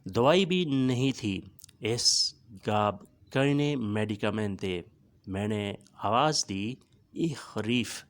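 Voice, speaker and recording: Patient man teaching phrases slowly, low voice. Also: expressive. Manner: patient, repeats each phrase and explains it word by word. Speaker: language teacher. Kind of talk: language lesson, repeating phrases slowly.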